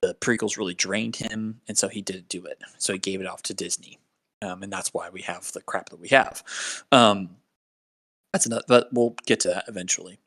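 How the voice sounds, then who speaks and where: A man's voice: sits low, steady tone, normal speed, fairly bright tone, no echo. A young man co-hosting a casual podcast chat, rambling with lots of fillers and restarts. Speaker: podcast co-host.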